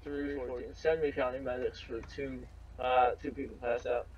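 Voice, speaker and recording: A man's voice: medium pitch, little pitch movement, normal speed, muffled recording, background noise. A man playing a patrol officer, calling in over police radio in clipped, matter-of-fact codes. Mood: urgent. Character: male patrol officer in a roleplay game. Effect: police radio call.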